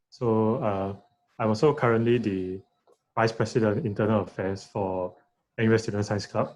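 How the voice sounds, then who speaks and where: A young man, a recent graduate and student leader, introducing himself in a friendly, relaxed way over a video call. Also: fairly low pitch, low-quality recording. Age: young adult. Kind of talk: casual interview answers. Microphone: video call mic.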